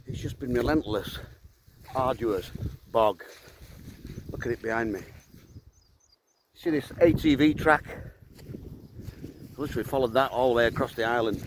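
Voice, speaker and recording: Male hiking vlogger, mid-pitched, informal guide talking to camera in short musing phrases, recorded outdoors over clear background noise. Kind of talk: casual outdoor walking vlog narration. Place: outdoors on open, boggy island moorland.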